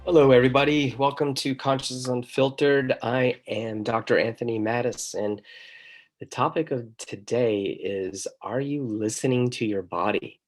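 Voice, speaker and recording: A man's voice: mid-range voice, fairly even intonation, normal speed, soft background music. A man hosting a talk show, speaking in an emphatic monologue and asking the listener many questions. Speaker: host. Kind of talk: motivational monologue.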